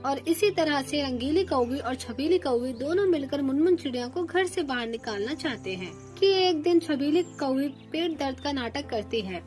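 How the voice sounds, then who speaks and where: High-voiced woman storyteller, steady cartoon narration, soft music behind. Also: moderate pace, few pauses.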